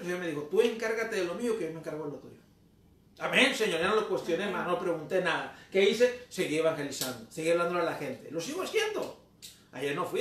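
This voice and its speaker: High-voiced man preaching in an echoey church. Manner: preaches with rhetorical questions and sudden loud swings. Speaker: pastor. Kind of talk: sermon. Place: church sanctuary. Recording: echoey church room, mic far off, faint background noise.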